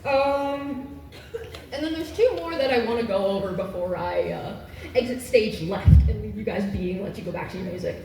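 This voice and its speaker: A woman's voice: mid-range voice, moderate pace, creaky, a little mellow, soft background music. A young woman, a college student, chatting and giggling on stage as she shows off her voices, heard in an echoey hall from far off. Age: young adult. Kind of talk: live on-stage voice act.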